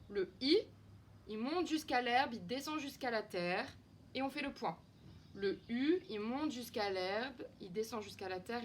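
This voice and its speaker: A woman teacher giving a slow, clear, encouraging video lesson to young children. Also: fairly high pitch, a bit bright, a little hiss or hum. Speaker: kindergarten teacher. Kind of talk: home-schooling video lesson.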